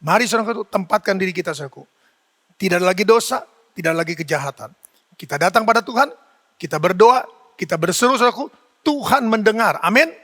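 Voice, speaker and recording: A male pastor delivers a fervent church sermon, driving on at a rapid clip. His voice sits high and carries a gravelly rasp. Every phrase rings out into a long hall reverb. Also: expressive, fairly bright tone. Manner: fervent preaching, repeating the address to the listeners.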